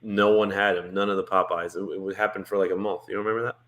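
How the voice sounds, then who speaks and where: A man's voice: deep voice, level tone, fast talker, a bit bright. A man co-hosting a casual livestream, rambling with many fillers and restarts. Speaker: co-host of a cruise livestream. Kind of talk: casual live-stream chat.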